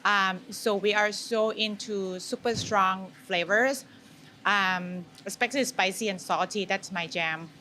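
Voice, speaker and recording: A Thai woman with a Thai accent and a mid-range, sharp-toned voice talks a little slowly as an interview guest. She makes food and chats casually and candidly on an indoor farm among herbs and flowers, with background noise clearly audible.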